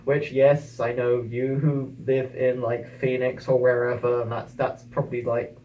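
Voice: medium pitch, level tone, unhurried, dark tone, slight background noise. A British vlogger in a fursuit, chatting playfully and rambling from inside the costume head. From United Kingdom. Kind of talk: casual comedic vlog. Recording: distant voice with background music.

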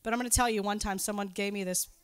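She races along in a steady, clean, mid-range voice, free of echo. The speaker is a preacher at a church gathering, delivering an informal, anecdote-filled sermon in a conversational, self-deprecating and giggly style.

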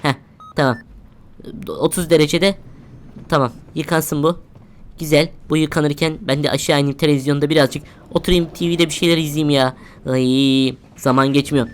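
A woman playing a horror game, talking to herself as she goes, jumpy and easily frightened. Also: sits low. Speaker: gamer. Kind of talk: horror game let's play commentary.

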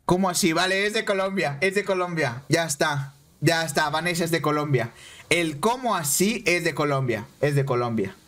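A Mexican man streaming a game, chatting excitably with viewers and repeating himself. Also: on the high side, normal speed. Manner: excitable, repeats phrases, banters with chat. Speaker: gaming streamer. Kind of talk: casual live-stream chat over gameplay.

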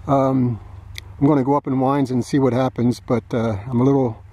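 A man giving relaxed running commentary while flying a model plane outdoors, thinking aloud with fillers. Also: mid-range voice, normal speed, lo-fi sound. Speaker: model aircraft flyer. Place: open grassy field outdoors.

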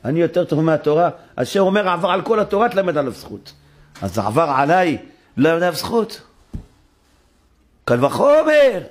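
Animated husky-voiced rabbi preaching. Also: male voice, pauses often. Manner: animated preaching, acting out dialogue in bursts of high-pitched exclamation. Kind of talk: sermon. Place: synagogue.

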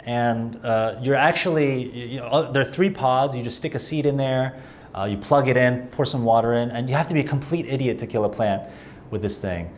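This is a man giving a sermon in a mid-pitched voice. He swings between emphatic, rising declarations and a relaxed, joking tone. He often restarts his phrases as he talks. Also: brisk, slight background noise. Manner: conversational with self-deprecating humor. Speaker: preacher.

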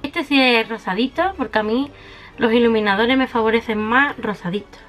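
A high-voiced woman from walks her viewers through a makeup haul, chatty and affectionate, piling on little diminutives as she shows each item. Faint music plays softly behind her. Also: normal speed. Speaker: beauty vlogger.

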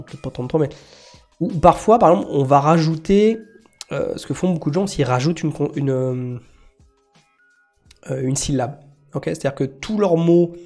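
A man explains things on a live stream, thinking aloud and answering his chat as he goes. His voice sits fairly high for a man but sounds mellow and relaxed. Faint music plays behind him. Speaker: memory sports streamer.

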